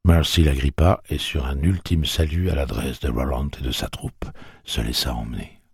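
Very deep gravelly male narrator. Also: fairly even intonation, no echo, clean studio sound. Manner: slow, measured reading. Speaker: audiobook narrator. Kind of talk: scripted narration.

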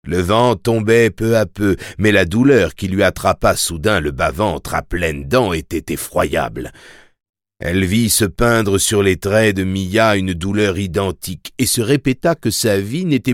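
A man reading a novel aloud in measured, steady scripted narration. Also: low-pitched, dry recording, clean studio sound. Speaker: audiobook narrator.

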